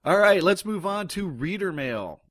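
A man's voice: high-pitched, animated, moderate pace, background noise. A man hosting a podcast, chatting casually through the news with lots of restarts and fillers. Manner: rambling, many restarts and fillers. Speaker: podcast host.

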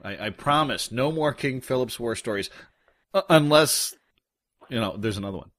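A man's voice: mid-range voice, expressive, normal speed, fairly bright tone, no room sound. A man hosting a podcast, chatting casually through the news with lots of restarts and fillers. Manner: rambling, many restarts and fillers. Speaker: podcast host.

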